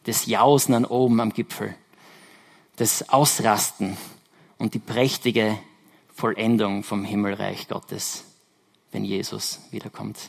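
A man delivers a Sunday sermon in an explanatory, conversational way. He pauses to correct himself and stresses key words by repeating them. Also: on the low side, flat delivery, creaky. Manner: explanatory, self-correcting, emphatic repetitions. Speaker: preacher.

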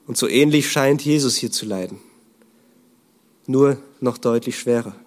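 A man preaching a sermon in an earnest tone, asking rhetorical questions and often dropping to a low, hushed voice. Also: a little slow.

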